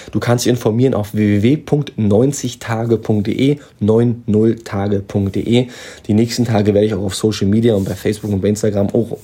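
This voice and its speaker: A man hosting a fitness podcast in a plain-spoken, motivational way, recorded on poor low-quality audio while on vacation. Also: dark tone, husky. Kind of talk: casual podcast monologue.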